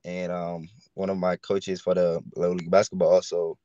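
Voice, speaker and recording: A man's voice: low-pitched, little pitch movement, mellow, no echo. A young man from Haiti, a college punter, talking casually on a video call with frequent fillers and restarts. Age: young adult. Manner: halting, many fillers and restarts. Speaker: guest, college football punter. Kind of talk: casual interview. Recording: dull lo-fi video call audio.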